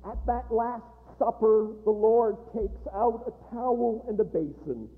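A man preaching a sermon in a large chapel, emphatic and full of dramatic pauses. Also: sits high. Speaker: guest preacher. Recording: echoey hall, tinny narrow sound.

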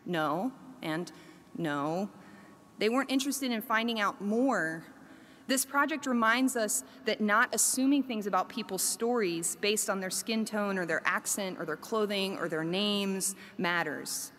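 A Korean woman professor delivers a prepared talk in an earnest, measured manner, building her points through emphatic lists. Her middle-pitched voice is a bit bright and trails a long reverb tail.

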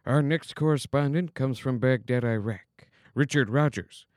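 A man voices a smug TV anchor in a spoof broadcast, delivering rude remarks in a flat deadpan. His voice sits mid-range and sounds dry and close. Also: medium pitch, normal speed, dry recording, lightly acted. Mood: snarky deadpan. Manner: deadpan, snarky. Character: smug blunt male TV news anchor. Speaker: news anchor. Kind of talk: comedy news spoof.

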